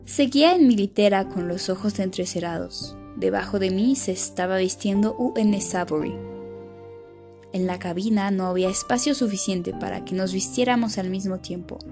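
A woman giving a measured, scripted audiobook narration. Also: mid-range voice, over music.

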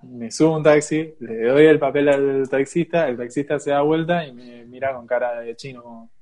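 A young Argentine man with a Rioplatense accent, casually telling a lively travel anecdote, laughing often and acting out the people in his story. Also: medium pitch, normal speed. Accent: Rioplatense Argentine Spanish. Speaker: guest storyteller.

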